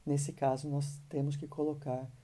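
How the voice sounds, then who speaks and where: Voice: medium pitch, level tone, normal speed, dark tone. A German teacher gives an online lesson patiently, ending phrases with checking tags.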